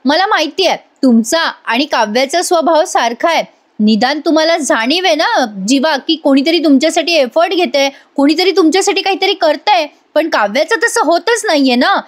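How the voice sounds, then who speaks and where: A woman's voice: sits high, lively intonation, normal speed, pitched above the performer's own voice. A woman voicing an angry young married woman who scolds her younger sister, read out in a serial recap. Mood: scolding. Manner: scolding, reproachful. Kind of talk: retelling a serial's dialogue.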